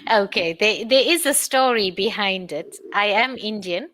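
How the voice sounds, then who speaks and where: A woman from South Africa teaching English, asking friendly questions in an unhurried way with many fillers. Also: mid-range voice, lively intonation, pushed and bright. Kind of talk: conversation lesson on a call.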